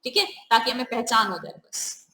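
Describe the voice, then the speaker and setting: A woman's voice: a little high, moderate pace, sharp tone, echoey room, poor audio. A woman teaching a grammar lesson step by step, often asking the viewers questions. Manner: repeats "ठीक है", asks the viewers questions.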